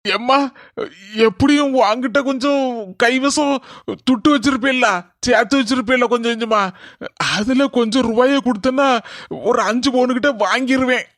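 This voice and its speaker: A man's voice: extremely high pitch, fairly even intonation, normal speed, long pauses, a bit bright, no room sound. A man with a Kanyakumari Tamil accent voicing an easily led young husband in a cartoon, in a pleading, coaxing manner.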